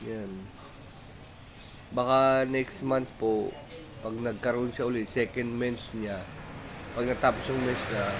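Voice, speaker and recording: A man filming his pet dog at home, gently coaxing it and chatting about its habits. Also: medium pitch. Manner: soft coaxing talk to the dog, mixed with chatty explaining. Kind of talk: casual home vlog, talking to a dog. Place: home, indoors. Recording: noisy home recording with a dog.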